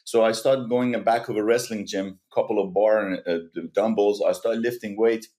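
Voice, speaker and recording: Low-voiced Iranian-born man telling his story. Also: steady tone, darkish tone. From Iran. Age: 40s. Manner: earnest, halting, with frequent restarts. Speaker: guest. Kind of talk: personal story in a podcast interview.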